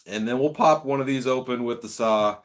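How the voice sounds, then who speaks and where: Speaking a little fast in a mid-range voice, this man hosts a relaxed live stream, going through viewer comments, chatting easily, and laughing a lot.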